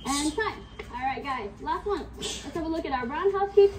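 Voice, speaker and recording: An animated, high-pitched woman teaches kickboxing live at home despite a sniffly cold. She counts time and fires off brisk coaching cues and commands, heard through a far camera mic in a faintly noisy room.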